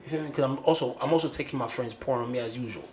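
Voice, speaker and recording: A man telling a personal story on a casual podcast, animated and repeating phrases like "you feel me". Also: mid-range voice, very fast, echoey room, a little hiss or hum. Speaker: podcast host.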